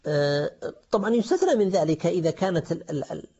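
A man teaching Arabic grammar on Quranic verses, explaining step by step and asking and answering his own questions, with many pauses and fillers. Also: on the high side, expressive, mellow. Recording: dull lo-fi recording.

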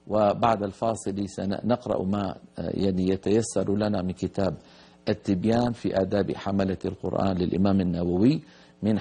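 A man hosting a broadcast Quran recitation lesson, explaining pronunciation and slowly drawing out letters and words to demonstrate them. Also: lowish voice, warm tone, breathy edge. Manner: slow, drawn-out demonstration of letter sounds. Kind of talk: tajweed lesson on a broadcast program.

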